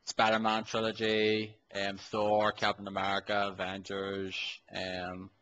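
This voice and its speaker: A man in his late twenties chats casually on a podcast in a lowish voice. He rambles through fillers and restarts and swears now and then. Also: monotone, a little slow, bright, forceful tone, a little hiss or hum, rough recording. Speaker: podcast co-host. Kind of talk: casual chat.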